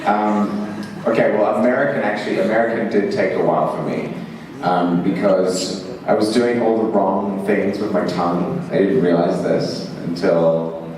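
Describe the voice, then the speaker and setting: This man from Zimbabwe speaks in a low, steady voice at a normal pace, an actor spinning stories in a convention Q&A. His answers ramble, poke fun at himself, and come loaded with laughs and fillers. The mic sits far off in a big, echoing hall, so background noise comes through.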